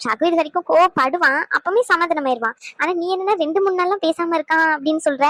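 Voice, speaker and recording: Young cartoon woman, polite, high voice, fast, dry close sound, woman doing the voice. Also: fairly bright tone, no room sound. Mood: disbelieving. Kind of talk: cartoon voice acting.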